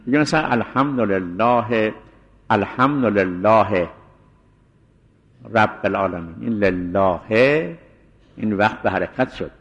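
Guy explaining recitation rules, lowish voice, long echo, slows way down to chant examples. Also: fairly bright tone, highs cut off. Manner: explains step by step, chants Arabic verse examples slowly. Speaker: teacher of Quran recitation rules. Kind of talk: spoken lesson.

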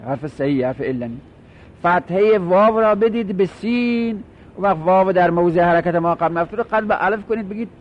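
A man with a fairly high voice teaches a grammar lesson at an unhurried, patient pace. He repeats and drills example words as he walks through each rule. The recording sounds dull and lo-fi, with a faint rumble underneath.

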